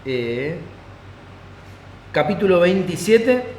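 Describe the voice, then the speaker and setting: A man's voice: high-pitched, very animated, slow pace, a little mellow. A pastor with a Rioplatense Spanish accent teaching a Bible study in a conversational way, often checking in with his listeners. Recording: echoey hall, faint ambient noise.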